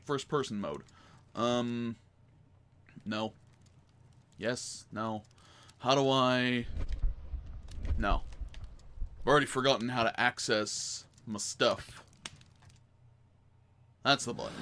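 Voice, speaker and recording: A man's voice: medium pitch, fairly bright tone, a little hiss or hum. Rambling, self-mocking male gamer. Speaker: gamer playing a detective game. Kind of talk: let's-play commentary.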